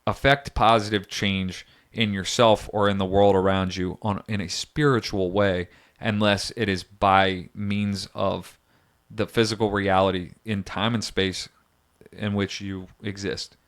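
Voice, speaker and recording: A man's voice: fairly low pitch, flat delivery, a little slow, a bit bright. A young man co-hosting a podcast, talking in an earnest, rambling, argumentative way and laughing often. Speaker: podcast co-host. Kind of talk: casual chat.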